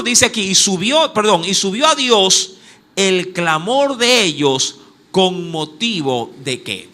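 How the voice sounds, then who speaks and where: Emphatic Ecuadorian male pastor preaching, high bright voice, very lively delivery. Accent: Ecuadorian Spanish. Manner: emphatic, repetitive, addresses listeners as "my beloved". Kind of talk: sermon.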